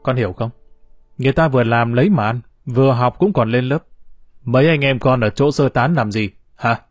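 A man voicing a stern, iron-hearted middle-aged father who speaks evenly, quietly and coldly. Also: medium pitch, brisk, no echo, highs cut off, faint music behind, lightly acted. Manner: even, quiet and cold.

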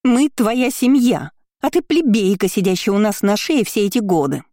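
Woman doing a squeaky spiteful young cousin. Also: big pitch swings, moderate pace, warm tone, no room sound, studio quality. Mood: shrill spiteful. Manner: squeaky, shrieking. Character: spoiled shrill young woman, nasty cousin.

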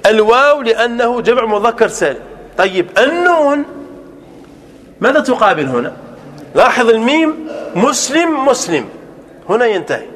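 Male grammar teacher, high voice, dictates slow repeated examples, sometimes drifting off-mic in the classroom. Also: sing-song, a bit bright. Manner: asks rhetorical questions and repeats examples slowly.

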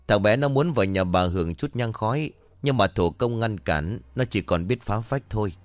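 A man voicing a sly, calm older exorcist who gives orders in a spoken ghost story. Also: on the low side, normal speed, no room sound, close to an everyday voice. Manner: calm, commanding.

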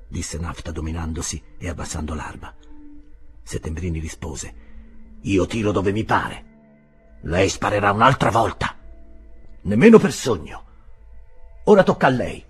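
A man narrating a literary audiobook in a measured, expressive reading. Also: sits low.

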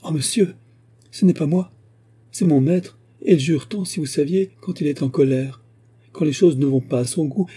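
A man doing a scared young servant girl in an audiobook, pleading, voice pushed up high, husky. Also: warm tone.

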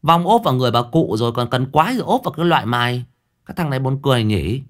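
A man voicing a sharp-tongued, bossy female exorcist who scolds and nags. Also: mid-range voice, very animated, moderate pace. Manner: scolding, exasperated.

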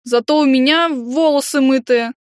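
A woman's voice: high-pitched, normal speed, dry recording, studio quality, natural voice. A woman voicing a sulky, rude teenage boy who talks in a petulant, indignant way. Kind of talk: audiobook character voice.

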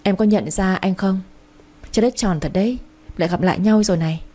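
Here is a woman doing a gentle, caring young man from a storybook romance. His tone is mellow and soft-edged, and he speaks calmly and kindly. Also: medium pitch, a little fast, close to an everyday voice. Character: kind young man who rescues heroine.

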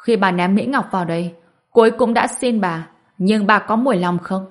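A woman voicing a young male cultivator hero in an audiobook, cold and sharp. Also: mid-range voice, a little fast, close to an everyday voice. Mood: cold anger.

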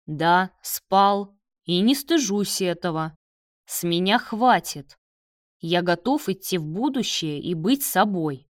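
A man's voice: sits high, expressive, slow pace, no room sound, studio quality. A woman voicing a blunt, sardonic young male doctor who speaks in curt, cutting lines. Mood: firm.

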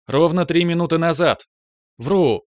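A man's voice: a little high, measured pace, a little mellow, no room sound, clean studio sound, voice pushed up, lightly acted. Man voicing a stammering young lab technician. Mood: eager. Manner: stammering, eager.

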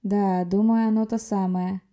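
A woman voicing a sharp-tongued, quick-tempered young sorceress who talks brusquely and scolds. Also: medium pitch, flat delivery, lightly acted.

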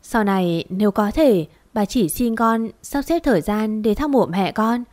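A woman voicing an aging, gentle father who speaks slowly in a choked, pleading way. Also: medium pitch, animated, no room sound, lightly acted. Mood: tearful.

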